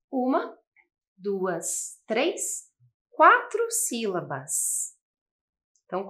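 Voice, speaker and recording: A Brazilian woman teaching a lesson for children, spelling and counting out letters slowly and asking the viewers questions. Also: fairly high pitch, a bit bright. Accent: Brazilian Portuguese. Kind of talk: slow, patient classroom lesson for children. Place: classroom-style studio with a table.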